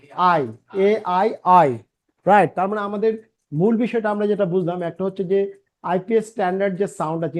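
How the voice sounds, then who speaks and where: A man's voice: sits high, mellow. A man teaching English pronunciation. He drills each sound over and over and keeps checking with "right?". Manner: drills sounds by repeating them, asks "right?" often. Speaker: English teacher and channel founder. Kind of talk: pronunciation lesson.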